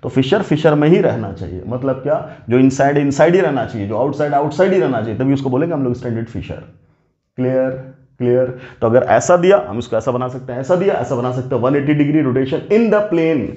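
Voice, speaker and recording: A man's voice: mid-range voice, animated, a little fast, warm tone. A male chemistry teacher giving a classroom lecture, repeating points and checking that students understand. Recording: roomy, slightly dull classroom recording.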